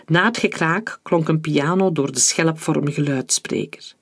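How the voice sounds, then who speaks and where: A narrator reads a thriller in a steady, measured way. The voice is husky and a little breathy. The pitch is neither high nor low. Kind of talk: audiobook narration.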